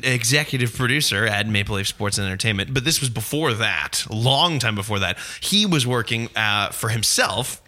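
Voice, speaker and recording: A man's voice: fairly low pitch, normal speed, hardly any pauses. A Canadian man in his thirties, a podcast guest, telling travel stories in casual chat, laughing often and acting out what people said. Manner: animated storyteller, laughs often, acts out voices.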